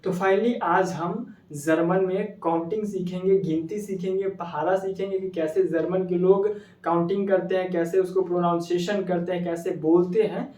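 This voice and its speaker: A man from India, teaching a casual video lesson. He explains slowly, repeats words and asks the viewer questions. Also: high voice, mellow, distant mic. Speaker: language teacher. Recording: echoey room, voice a bit off mic.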